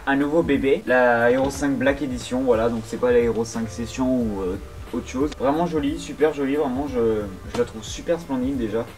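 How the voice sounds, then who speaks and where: A young man talking casually through an unboxing on his vlog, chatty and full of fillers, breaking into excited outbursts now and then. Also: mid-range voice. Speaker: vlogger.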